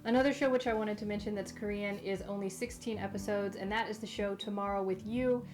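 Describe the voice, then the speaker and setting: A woman's voice: medium pitch, fairly even intonation, brisk, over music. Woman vlogger talking after wisdom teeth removal. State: mouth affected after wisdom tooth removal. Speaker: host. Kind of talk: casual recommendation vlog to viewers.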